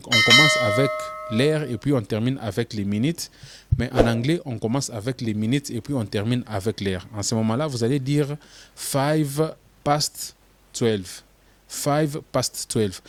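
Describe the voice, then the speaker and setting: A man narrating a language lesson in a measured, explanatory way, spelling out terms. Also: medium pitch, fairly bright tone, no room sound. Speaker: English teacher.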